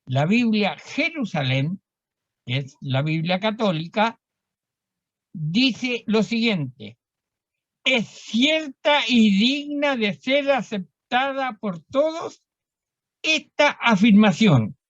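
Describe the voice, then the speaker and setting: Slow, deliberate woman preacher. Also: on the high side, dry recording, highs cut off. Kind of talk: sermon. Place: church.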